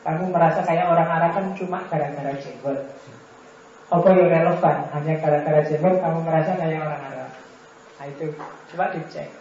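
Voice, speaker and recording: A man lectures on philosophy in a chatty, teasing way, tossing rhetorical questions at his listeners. His voice sits high for a man. The recording is very echoey and dull, with a faint hum behind him. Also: steady tone, a little fast, a little mellow. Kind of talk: informal lecture.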